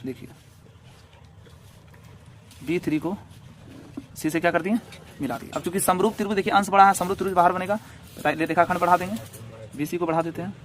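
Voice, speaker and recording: A man's voice: sits high, fairly quick, pauses often, slight background noise. A man teaching a maths lesson step by step, repeating each step and asking rhetorical questions as he draws.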